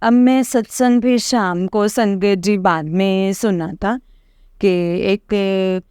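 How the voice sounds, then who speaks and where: A woman recounts a devotional testimony in a slow, unhurried delivery. Her voice is smooth and clean and sits close and dry, with no room around it. She meanders and hesitates with fillers, often turning to address the gathered listeners. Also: mid-range voice, fairly even intonation, dark tone, dry recording. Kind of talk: rambling personal testimony to a congregation.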